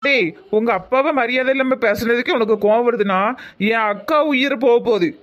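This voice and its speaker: A man voicing a furious young cartoon brother who shouts threats, with a Tirunelveli Tamil accent. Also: extremely high pitch, fairly quick, dull audio. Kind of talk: cartoon voice acting.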